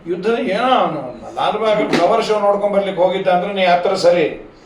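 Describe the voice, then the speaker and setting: A man gives a humorous devotional discourse, chatting, telling stories and singing verses. His high voice has lively intonation and moves a little fast, recorded in an echoey hall from a distant mic with faint noise.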